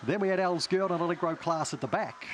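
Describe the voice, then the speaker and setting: High-pitched New Zealand greyhound race caller, male. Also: fairly quick. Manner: clipped phrases, listing runners in order. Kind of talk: live race commentary.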